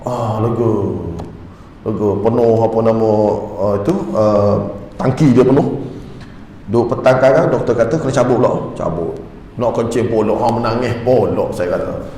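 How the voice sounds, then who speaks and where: Male Malaysian preacher, mid pitch, animated storyteller, heard from far off in a reverberant hall. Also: moderate pace, slight background noise. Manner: storytelling, animated, dramatic retelling. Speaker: religious teacher. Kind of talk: dawn mosque lecture. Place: prayer hall.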